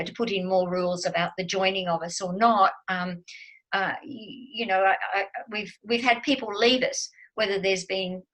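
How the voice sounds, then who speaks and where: A woman's voice: medium pitch, a bit bright, rough recording. A woman in her seventies, a guest on a video call, talking casually and hesitantly with many fillers and restarts. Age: 70s. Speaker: guest speaker.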